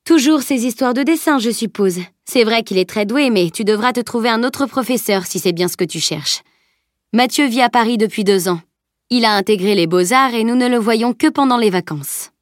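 A woman reading an audiobook, voicing a polite, welcoming woman in her fifties who speaks with gentle surprise. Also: a little high, normal speed, no echo, clean studio sound, pitched above the performer's own voice, lightly acted.

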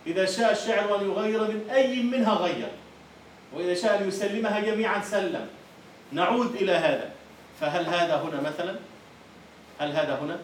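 Egyptian lecturer quizzing a class in an echoey hall. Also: male voice, sits high, fast talker, pauses often, far from the mic, slight background noise. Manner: quizzing students, repeating their answers. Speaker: university lecturer. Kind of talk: classroom lecture on Arabic prosody.

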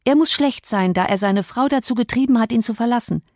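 A woman's voice: on the high side, darkish tone, no room sound, clean studio sound, voice pushed up, natural voice. A woman reading an audiobook, voicing an earnest, hot-tempered teenage girl. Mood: furious. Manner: earnest, quick to flare up.

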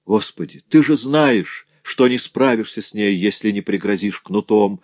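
A man's voice: lowish voice, measured pace, darkish tone, dry recording, pitched above the performer's own voice. A whiny sick wife, as a male reader puts her on. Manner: whiny, impatient.

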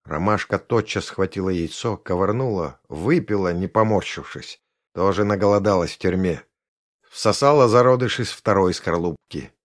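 Brief: male narrator, lower voice, expressive storybook reading. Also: normal speed. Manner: lively reading, shifts pitch for each character. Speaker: audiobook narrator. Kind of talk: scripted narration with character voices.

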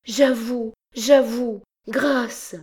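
Woman voicing a young girl, terrified, pleading, high cries, storybook. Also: fairly even intonation, extremely slow, a little mellow. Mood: desperate pleading. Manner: pitched high, crying out and begging.

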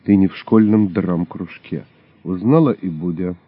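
A man voicing a sly, smooth-talking male undercover agent in a slightly lowered voice, on a dull lo-fi recording. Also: measured pace, no room sound. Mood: hissing. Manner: suave, then hissing and low.

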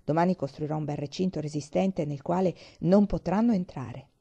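A woman voicing a patient, determined pioneer father in a read-aloud storybook, speaking calmly and firmly. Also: deep voice, normal speed, vocal fry, slightly rough, muffled recording, exaggerated voice.

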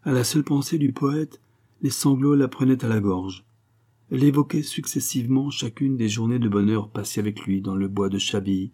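A man narrating a classic novel in a measured, literary reading. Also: mid-range voice, dark tone. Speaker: audiobook narrator. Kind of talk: scripted narration.

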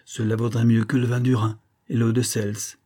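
A man's voice: medium pitch, little pitch movement, moderate pace, mellow, lightly acted. A man reading the part of a bored, spiteful married woman, weary, sardonic and impatient, in an audiobook.

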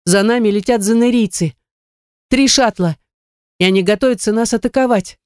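A woman narrator voicing a small, panicky female alien pilot girl who shouts in a high, excited voice. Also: moderate pace, dry recording, studio quality, lightly acted. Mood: nervous.

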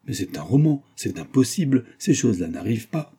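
A headstrong, frivolous young society woman, proud and quick to defy, as a male reader voices her. Her voice is lifted above the reader's own, still dark and husky, in a storybook reading. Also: very animated. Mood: spirited. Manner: raised pitch for young woman.

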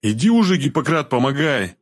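A man voicing a gruff, sardonic male healer who chain-smokes and talks bluntly and coarsely. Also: mid-range voice, very animated, brisk, pitched above the performer's own voice. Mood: dismissive.

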